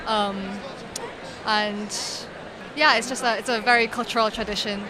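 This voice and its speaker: A woman's voice: fairly high pitch, fairly even intonation, normal speed, sharp tone. An Irish woman chatting as a guest at an exhibition stand, with loose speech full of "like" and "you know". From Ireland. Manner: chatty, lots of filler words like "like" and "you know". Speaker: interview guest. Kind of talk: casual chat. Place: busy exhibition hall. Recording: crowd noise of a busy expo hall.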